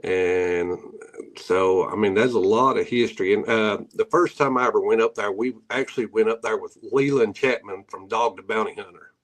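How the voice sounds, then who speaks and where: A middle-aged man speaks in a fairly low voice with a thick hillbilly Appalachian accent. He tells his stories casually as an interview guest, wandering from point to point in folksy rural grammar. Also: moderate pace. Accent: Appalachian, hillbilly drawl. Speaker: guest, paranormal investigator.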